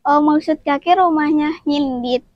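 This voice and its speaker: A woman's voice: sits high, a little slow, dry recording, dull audio. A young woman playing a kind, friendly village woman who talks in a chatty, helpful way in a school drama. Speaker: student actor.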